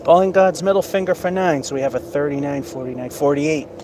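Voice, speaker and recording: A man's voice: a little high, fairly quick. A man casually commenting and tallying scores as he bowls on an outdoor lane in a parking lot, with wry asides. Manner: chatty, wry asides while keeping score. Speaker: bowler filming himself. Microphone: camera on a stand, away from him. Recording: outdoor camera mic with background noise.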